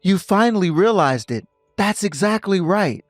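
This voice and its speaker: A man's voice: sits high, animated, normal speed, no room sound, clean studio sound, soft background music. A man playing a cold, lecturing husband. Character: stern husband ending a toxic marriage.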